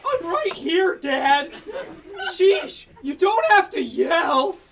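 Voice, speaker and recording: A woman's voice: very high-pitched, big pitch swings, extremely slow, a crowd in the background, exaggerated voice. A woman playing a bratty, mischievous fifteen-year-old boy, sarcastic and giggly, in an improvised comedy audio drama. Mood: sullen sarcasm.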